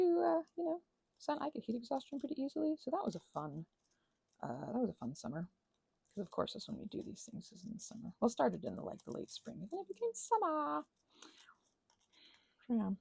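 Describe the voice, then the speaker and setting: The host of a crafting ramble and ASMR channel, a woman with a lowish, creaky, mellow and husky voice, chats casually in a dry recording. She tells meandering, self-deprecating stories, dropping in little acted-out asides.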